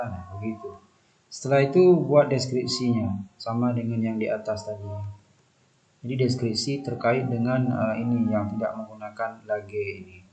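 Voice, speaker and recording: A patient man walks a student through corrections to a draft, sounding out letters and marks again and again. His voice sits in a middle pitch. The recording is dull and lo-fi. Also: a little mellow. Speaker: thesis supervisor. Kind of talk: reviewing a student's draft aloud.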